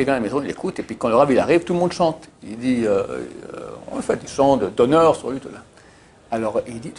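A man's voice: mid-range voice, slight background noise. A man giving an informal Torah class, telling anecdotes with emphatic repetitions and many hesitations. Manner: animated storyteller, emphatic repetitions, frequent filler "euh". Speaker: Torah teacher. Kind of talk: informal religious teaching with anecdotes.

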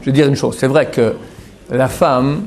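Gravelly, animated man teaching a class. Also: mid-range voice, normal speed. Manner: animated, keeps checking in with "d'accord?"; repeats and restarts words while explaining. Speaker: religious teacher. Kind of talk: religious lesson to a class, taking questions.

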